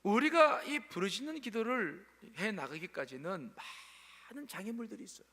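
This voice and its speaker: A man's voice: high-pitched, lively intonation, normal speed, bright, forceful tone, big-room sound. A male pastor preaching a sermon at a church service, speaking emphatically and calling on the congregation to answer aloud.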